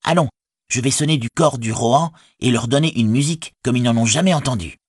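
Brief: man voicing a commanding young hobbit for a storybook, raised, husky, lively. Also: medium pitch, a little fast, no room sound, studio quality, voice pushed up, natural voice. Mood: urgent. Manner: urgent, commanding. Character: bold young male hobbit rallying his people. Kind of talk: audiobook reading.

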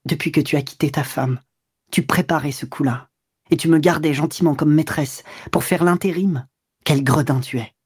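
Scorned woman in a classic novel audiobook, high, husky and accusing; male narrator doubling. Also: moderate pace, a little mellow, no echo, clean studio sound. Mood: mocking. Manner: accusing, bitter, rising to screams. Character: furious jilted woman, mistress, shrill in rage. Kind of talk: audiobook reading.

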